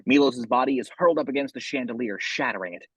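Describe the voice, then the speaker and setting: A man narrates a horror script in a husky voice, describing each action in the present tense. The recording is dry and close, with no room around him. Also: medium pitch, fast talker, a bit bright, dry recording, poor audio.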